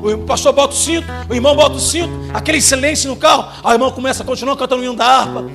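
A man with a Brazilian accent preaching a sermon, telling a story fervently and often shouting. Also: very high-pitched, rapid-fire, music in the background.

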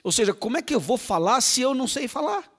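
A man's voice: very high voice, big pitch swings, quick pace, slightly rough, pitched above the performer's own voice, full character voice. A man voicing a reluctant old male prophet who keeps pleading and making excuses.

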